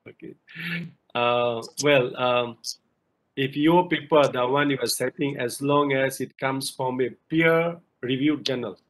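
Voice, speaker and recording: A man's voice: medium pitch, low-quality recording. Man, professor explaining on a video call. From Malaysia. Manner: explanatory, frequent fillers. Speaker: professor answering questions in an online session. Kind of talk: online Q&A lecture.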